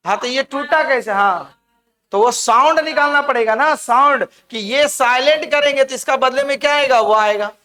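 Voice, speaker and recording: A man's voice: very high-pitched, moderate pace, pushed and bright. A man teaching grammar in a classroom-style lecture, explaining step by step and constantly asking the students questions.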